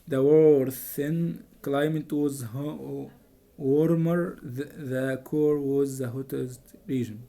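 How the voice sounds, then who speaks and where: A man with an Egyptian Arabic accent explains a lecture from slides as a student tutor. His voice is dark and mellow at a middling pitch. He stumbles over English terms and then gives the translation of each.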